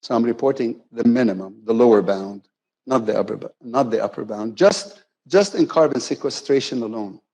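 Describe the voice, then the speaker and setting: A man's voice: mid-range voice, moderate pace, dark tone, rough recording. A man giving a conversational, playful conference keynote, often correcting himself mid-sentence. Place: conference hall.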